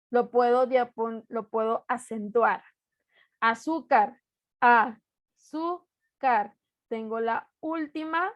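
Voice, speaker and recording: High-pitched slow-talking woman teacher. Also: no echo, muffled recording. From Mexico. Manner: patient, explains step by step, repeats rules. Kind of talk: online class lesson.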